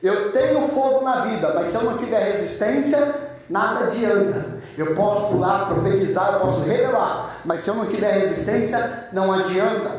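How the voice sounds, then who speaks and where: A man's voice: sits high, moderate pace. A man, a pastor, giving a fervent, emphatic sermon with a lot of repetition, preaching in a church. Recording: echoey church, far from mic.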